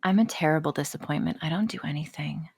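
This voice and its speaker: A woman with a low, fast, slightly rough voice speaks with no echo. She's a podcast guest and audio voice performer, chatting casually in a blunt, sweary, self-deprecating way and telling animated stories with acted-out asides.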